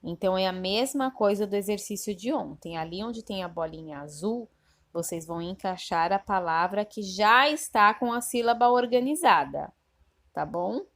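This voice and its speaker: A woman's voice: medium pitch, expressive, a bit bright. A woman teaching a primary school class remotely, patiently repeating instructions and checking the children follow. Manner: spells sounds slowly and clearly. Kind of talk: recorded remote class lesson.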